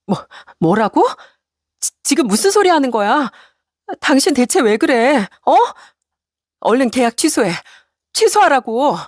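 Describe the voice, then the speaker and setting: A woman voicing a frantic, pleading middle-aged wife in a spoken story, with a shrill, stammering delivery. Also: animated, normal speed, dry recording, studio quality. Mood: panicked. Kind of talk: storybook radio narration.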